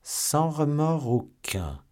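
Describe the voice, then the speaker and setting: A man's voice: fairly low pitch, lively intonation, moderate pace, husky. A man voicing a proud, haughty English duke in a French audiobook.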